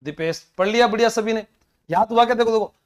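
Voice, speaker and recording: Male tutor, high and smooth voice, playful mnemonic drilling for exam prep. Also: fast talker. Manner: playful, drills terms by repetition. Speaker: teacher.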